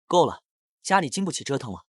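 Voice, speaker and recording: A man's voice: on the high side, very animated, fast talker, a little mellow, husky, dry recording, studio quality. A man voicing a worn-out, grieving old village grandmother who talks in a pleading, bitter way in a horror story.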